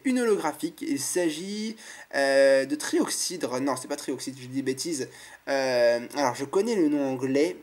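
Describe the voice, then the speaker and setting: Guy casually opening card packs on his channel, chatty, gets excited over every card. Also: fairly high pitch. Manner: chatty and enthusiastic, admiring each card aloud. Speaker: YouTube channel host.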